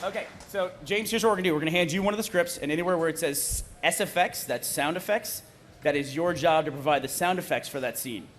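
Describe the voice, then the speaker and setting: Here a faint crowd can be heard behind a man whose voice is high, fast and fairly bright. He's the host of a live table read, trading teasing, playful banter with the audience, captured over a live stage PA with clear background noise.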